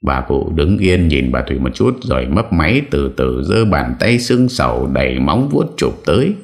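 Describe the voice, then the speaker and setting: A man reading a story aloud as an audiobook narrator, in a steady storytelling manner. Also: extremely low pitch, normal speed. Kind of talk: scripted narration.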